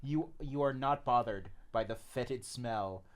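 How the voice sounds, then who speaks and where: A man running a tabletop game as game master, explaining in a halting way full of fillers. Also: medium pitch.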